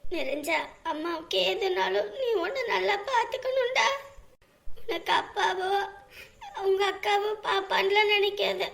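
A fond, anxious mother played by a woman urging her son to take care of himself. Her voice is very high and soft, and her words come out tender and consoling. Worry runs under every line. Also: unhurried, creaky, full character voice. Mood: tender worried. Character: loving, worried mother talking to her son. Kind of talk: family drama acting.

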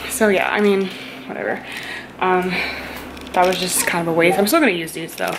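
A woman's voice: lowish voice, fairly even intonation, normal speed, creaky, noisy background. A young woman who is a law student, chatting casually to viewers in a vlog and trailing off with fillers. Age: young adult. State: out of breath. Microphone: on-camera mic.

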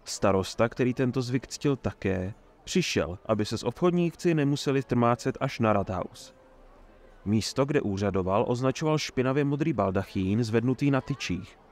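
A man narrating a fantasy audiobook in a steady, measured reading voice. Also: mid-range voice.

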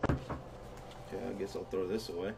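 Excitable gamer guy, swears a lot, talks over his game, noisy background. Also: deep voice, normal speed, vocal fry. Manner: excitable, swearing, laughing exclamations. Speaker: gamer host. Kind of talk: casual gaming chat.

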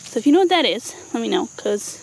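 This vlogger, a woman in her thirties, walks through her home vegetable garden outdoors with informal, playful chatter. She talks fast and very animatedly in a slightly high, gravelly, somewhat mellow voice with a breathy edge. The handheld camera mic gives poor audio with noticeable ambient noise.

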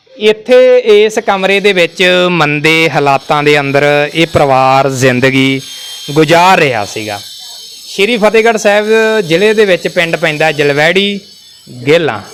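A man's voice: on the high side, fairly bright tone, clear, resonant tone. A man who hosts and reports on location, talking earnestly to camera and to a family he visits. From Punjab. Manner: consoling, earnest, talks to camera. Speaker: reporter host.

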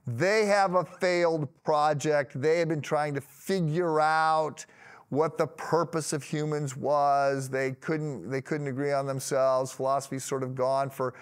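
An older man, a pastor in his sixties, giving an animated devotional talk to camera in a studio, often lifting his voice for emphasis. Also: a little slow. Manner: animated, gestures a lot, rises in pitch for emphasis. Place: studio with plain grey backdrop.

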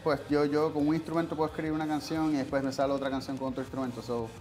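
A man in his twenties from Puerto Rico with a Puerto Rican accent, a musician guest talking in a relaxed, hesitant way with many fillers. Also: a little high, racing, soft background music. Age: 20s. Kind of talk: casual interview. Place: TV studio set.

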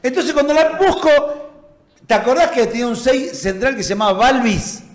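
Animated Argentine man telling a story. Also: very high voice, moderate pace. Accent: Argentine Spanish. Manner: animated, laughing often. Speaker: guest, former footballer. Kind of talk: storytelling anecdote in conversation. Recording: roomy echo.

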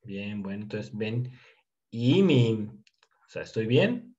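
A man teaching Turkish, slowly drilling question forms and explaining in quick, casual asides. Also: fairly low pitch, mellow, lo-fi sound. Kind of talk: casual language lesson.

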